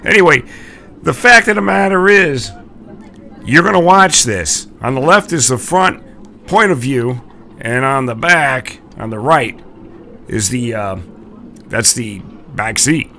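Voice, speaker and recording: Bright-voiced man, casual vlog over background noise. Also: medium pitch, animated, a little slow, gravelly, long pauses. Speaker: vlog host.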